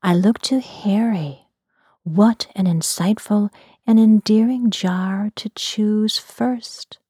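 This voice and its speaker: A woman narrating a fantasy story in a soft, unvoiced whisper for ASMR. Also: medium pitch, slow pace, husky, no room sound, clean studio sound.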